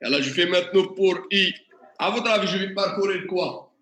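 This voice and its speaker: A man's voice: high-pitched, normal speed, fairly bright tone, a little hiss or hum. A man teaching a classroom tutorial, questioning the class and working through examples step by step. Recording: echoey classroom.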